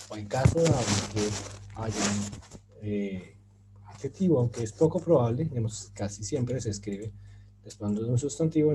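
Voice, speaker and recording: A man's voice: medium pitch, mellow, a little hiss or hum. A man giving an online grammar lesson, explaining patiently with many fillers and asking his students if they follow. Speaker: Turkish teacher.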